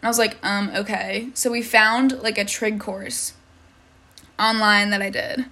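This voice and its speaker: A woman's voice: mid-range voice, fairly even intonation, a little slow, sharp tone. A teenage girl venting about school in a casual vlog, exasperated, swearing and saying "like" constantly. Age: teens. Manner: exasperated, swears a lot, many likes. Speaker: high school student.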